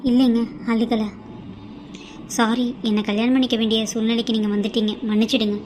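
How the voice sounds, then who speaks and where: A woman's voice: fairly high pitch, flat delivery, fairly quick, a little hiss or hum, lightly acted. A woman voicing a kind, dutiful young bride. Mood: reassuring. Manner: soft, reassuring. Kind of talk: cartoon voice acting.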